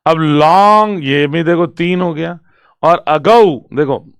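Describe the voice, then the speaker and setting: A male literature teacher who explains a poem's structure in Hindi. He reads the lines slowly and with stress, then breaks them down for exam students and keeps asking whether they follow. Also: on the high side, steady tone, creaky, smooth, no room sound, studio quality. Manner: asks students check questions, writes on a board. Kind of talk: exam-prep poetry lecture mixing Hindi and English.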